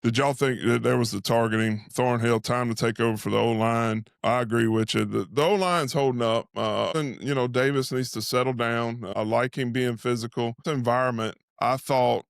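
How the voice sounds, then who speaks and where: A man's voice: medium pitch, steady tone, normal speed, gravelly, hardly any pauses, no echo, studio quality. A man giving casual halftime football commentary as a host who talks like an invested fan of the team. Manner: speaks as an invested fan, saying "we". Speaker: sports show host and analyst.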